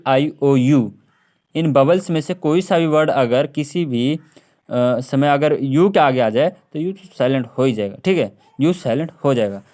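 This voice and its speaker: A man teaching an English lesson, repeating each word several times and often clearing his throat. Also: medium pitch, darkish tone. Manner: repeats words over and over, drawn out, with frequent throat clearing. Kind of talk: classroom lesson on silent letters.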